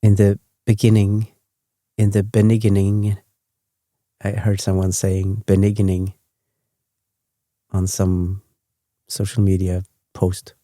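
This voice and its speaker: This sleep podcast host from Sweden, using English as his second language, meanders through unhurried bedtime chatter in a low, mellow voice delivered completely flat. Prone to self-corrections and tangents, he stays softly conversational. There's no room sound; the audio is close and dry.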